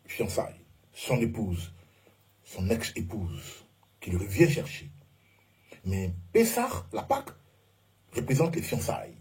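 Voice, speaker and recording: A man's voice: fairly low pitch, wildly swooping pitch, slow pace, long pauses, a little mellow, slightly rough. A man giving an informal Bible and Hebrew lesson over slides, who often hesitates and keeps checking in with his listeners. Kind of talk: informal teaching talk with slides.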